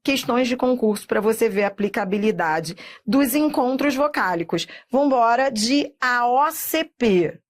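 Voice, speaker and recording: A middle-aged woman with a Brazilian Portuguese accent, teaching a recorded exam-prep lesson and drawing words out slowly, often checking in with "tá?". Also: on the high side, expressive. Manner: slow, drawn-out spelling of words with frequent checks like "tá?".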